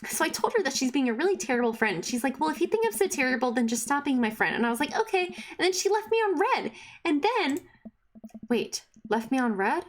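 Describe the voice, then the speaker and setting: A woman's voice: high-pitched, big pitch swings, brisk, slight background noise, voice pushed up. A woman voicing a moody teenage girl who is hurt and upset by her friends. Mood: indignant. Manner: dramatic, upset storytelling.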